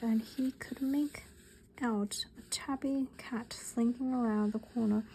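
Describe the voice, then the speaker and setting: A woman reading a story aloud in a put-on British accent, with Korean as her first language, in a soft, half-whispered ASMR style. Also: on the high side, slight background noise, poor audio. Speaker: ASMR reader.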